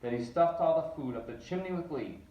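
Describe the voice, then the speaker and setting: A man reading a picture book aloud, animated and rising on repeated words. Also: fairly high pitch, fairly quick, dull audio. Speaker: reader. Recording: roomy echo, distant mic.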